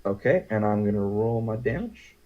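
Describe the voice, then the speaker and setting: A man's voice: lowish voice, expressive, normal speed. A man playing a tabletop game over an online call, talking in a hesitant, apologetic way. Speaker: player. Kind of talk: casual chat. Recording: dull lo-fi online call audio.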